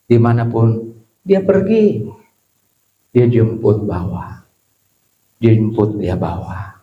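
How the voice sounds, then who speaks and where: Man preaching a sermon in an echoey church. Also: fairly low pitch. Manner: storytelling, quoting others, rising to shouts when excited. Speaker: pastor.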